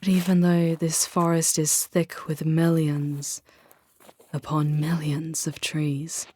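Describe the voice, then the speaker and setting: In an ASMR roleplay, a woman plays a charming female demon who is protective, delivering hushed, stretched-out lines that keep drifting into a whisper. Her performance is theatrical and intense, with a low pitch and a level tone. The mood is ominous and quiet, with slight background noise.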